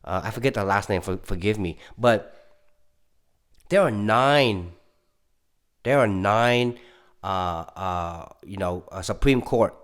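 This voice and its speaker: A man's voice: on the low side, slow pace, long pauses, fairly bright tone, smooth. Rambling man giving political opinions. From California. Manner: rambling, with frequent restarts and stammers; gets heated and insistent. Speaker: political commentary YouTuber. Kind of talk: casual opinion monologue.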